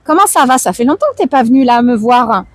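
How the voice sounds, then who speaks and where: A woman with a hoarse, tired voice, chatting casually and answering viewers on an outdoor livestream. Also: on the high side, expressive, fast, a little hiss or hum. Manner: chatty, slangy, reads out and answers chat. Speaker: live streamer chatting with viewers. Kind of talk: casual chat, IRL livestream. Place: outdoors, walking through town streets.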